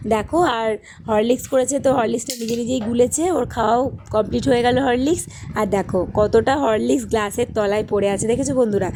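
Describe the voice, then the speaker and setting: A woman's voice: a little high, darkish tone. A woman chatting casually to her viewers in a home family vlog, coaxing her small children along the way. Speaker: mother and family vlogger. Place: at home, bedroom then rooftop.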